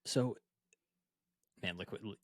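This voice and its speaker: A young adult man hosts a casual podcast, chatting loosely and leaning on "like" as filler. His voice is on the lower side. The recording is dry and close-miked. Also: slow pace, no echo. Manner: casual, filler-heavy, says "like" constantly. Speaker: podcast host.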